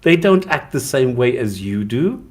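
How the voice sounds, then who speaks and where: A man's voice: medium pitch, very animated, a little slow, breathy edge. A co-host man in a heated debate, blunt and scolding, exasperated with his opponent.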